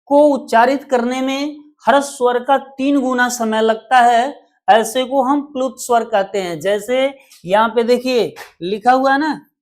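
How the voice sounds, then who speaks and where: A woman teaching a Hindi grammar lesson for exam preparation, explaining slowly and repeating points with questions to her viewers. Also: a little high.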